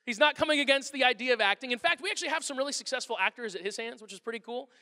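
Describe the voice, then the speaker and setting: Casting: male pastor, very high bright voice, lively and joking delivery. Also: racing, big-room sound. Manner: animated, joking, conversational preaching. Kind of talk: sermon.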